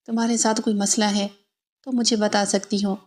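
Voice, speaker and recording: A woman voicing a stern but caring middle-aged aunt in a flat, even reading. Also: mid-range voice, natural voice.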